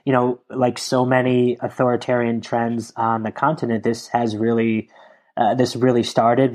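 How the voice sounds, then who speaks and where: A man from Connecticut speaks as a guest in a conversational interview. His voice sits at an ordinary middle pitch, and he lays out his points in long, earnest, analytical explanations. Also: a little mellow. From Connecticut, USA. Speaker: guest, Africa democracy advocate.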